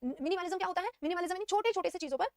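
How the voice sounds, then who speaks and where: A woman teaching vocabulary in Hindi. She reads definitions slowly and keeps asking and answering her own questions. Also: very high-pitched, a little mellow, dry recording, clean studio sound. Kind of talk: vocabulary lesson.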